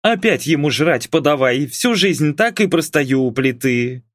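A man putting on a shrill, nagging middle-aged mother. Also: expressive, a little slow, a bit bright, no echo, clean studio sound. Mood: indignant. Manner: shrill, indignant and scolding.

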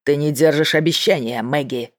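A reader voicing a desperate, unhinged man who has a bomb and shouts threats down the phone. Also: mid-range voice, moderate pace, close to an everyday voice. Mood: raging. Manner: shouting, hissing, voice breaking. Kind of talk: audiobook character voice.

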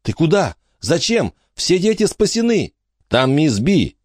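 Man doing a teenage girl, determined, protective, high pitched, urgent pleading, dry audiobook sound. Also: sing-song, a little slow, a little mellow, dry recording.

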